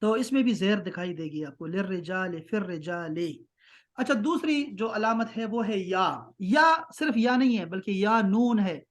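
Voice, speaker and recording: A man teaching an online grammar class. He keeps checking that students follow and slows right down to spell out terms. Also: high-pitched, animated. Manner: patient, keeps checking with "ٹھیک ہے؟".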